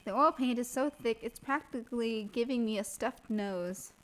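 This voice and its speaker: A woman's voice: fairly high pitch, moderate pace, fairly bright tone, natural voice, poor audio. A woman voicing a young male defense lawyer in her own voice, reading game narration in a dry, wry manner. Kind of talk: reading game dialogue aloud.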